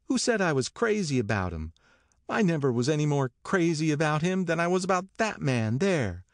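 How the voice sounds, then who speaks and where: Man voicing a brassy, scornful wife, raised pitch. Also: sing-song, normal speed, no echo, studio quality. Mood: indignant. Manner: emphatic, disdainful. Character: brassy, scornful, disillusioned married woman.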